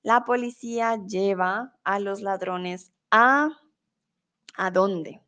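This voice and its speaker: A woman's voice: medium pitch, slow pace, a bit bright, smooth. A young woman teaching a live online Spanish lesson, reading out viewers' comments with patient encouragement and frequent laughter.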